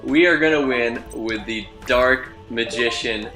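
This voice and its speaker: Brief: young male let's-play host, crisp bright voice, roomy sound with faint music. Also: mid-range voice, unhurried. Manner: excitable, swears and laughs. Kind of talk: gameplay commentary.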